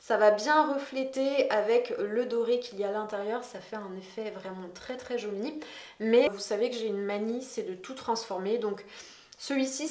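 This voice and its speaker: A woman chatting casually in a home decor haul vlog, enthusiastic, with frequent hesitations. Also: fairly high pitch. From France. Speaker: decor vlogger. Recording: echoey room.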